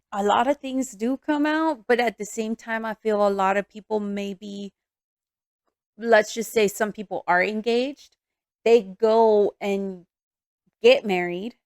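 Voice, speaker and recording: A woman in her thirties co-hosting a casual chat, talkative and agreeable, quick to laugh. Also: medium pitch, steady tone, no room sound, clean studio sound. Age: 30s. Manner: chatty, agreeing often, laughing easily. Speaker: podcast co-host.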